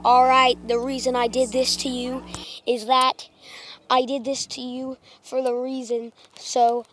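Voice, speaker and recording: A woman's voice: high-pitched, slight background noise. A woman voicing a smug, gloating male robot villain in a toy play story. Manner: slow, gloating.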